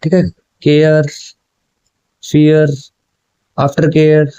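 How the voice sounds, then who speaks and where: Man, casual exam prep teacher, mellow voice, reads questions slowly, then chats them through in Hindi and English. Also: fairly high pitch, monotone, smooth, no echo, highs cut off. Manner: explains in Hindi with English words, often says "ठीक है" and "भाई".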